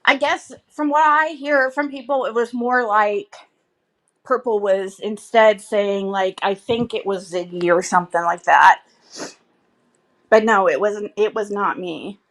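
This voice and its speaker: A woman's voice: medium pitch, a little slow, low-quality recording. A woman chatting casually and bluntly to viewers on a livestream, rambling in a gossipy, sweary way.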